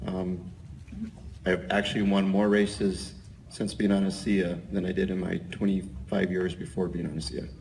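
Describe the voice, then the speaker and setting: Deep-voiced man in his fifties. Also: level tone, normal speed, creaky, darkish tone, a little hiss or hum. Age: 50s. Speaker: panelist, racer. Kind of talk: speaking on a panel. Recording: distant mic in an event space.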